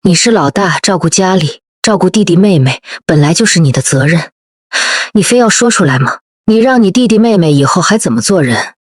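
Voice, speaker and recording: A biased older mother, voiced by a woman, speaks through tears, defensive and self-pitying. Her husky, low voice is recorded dry and close, as in an audio story. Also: expressive, fairly quick, no room sound. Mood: reproachful. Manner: tearful, defensive.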